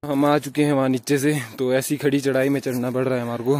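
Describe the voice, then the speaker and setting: A young adult vlogger walks a forested mountain trail, chatting to viewers and showing them around while tired from the climb. He films on a handheld camera at arm's length, speaking quickly in a slightly mellow, mid-range voice with little pitch movement. Soft music plays in the background.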